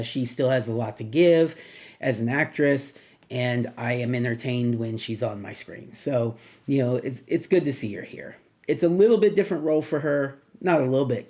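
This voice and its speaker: Rambling man with a mellow voice. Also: medium pitch. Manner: rambling, many fillers and restarts. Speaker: movie reviewer. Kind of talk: casual spoken movie review.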